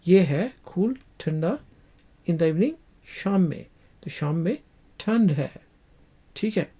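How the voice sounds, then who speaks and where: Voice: medium pitch, dark tone, breathy edge. A teacher giving a spoken English lesson, repeating each phrase and drawing out the English examples.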